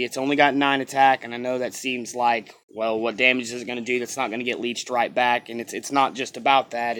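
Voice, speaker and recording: A man's voice: medium pitch, fairly bright tone. A man reviews a game in a casual, unscripted way, with a mid-range voice. He states his opinions plainly and often repeats a phrase to drive it home. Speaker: game reviewer commenting on new cards. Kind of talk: casual off-the-cuff review commentary.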